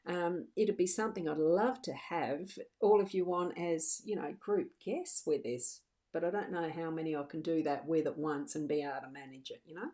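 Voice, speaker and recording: A middle-aged woman with a slightly low-pitched voice talks to her livestream viewers in a relaxed, chatty way. She is reassuring and warm in her wording, and she often stops and restarts her sentences as she goes. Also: moderate pace, hardly any pauses. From Australia. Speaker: psychic medium doing live card readings. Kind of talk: casual livestream chat.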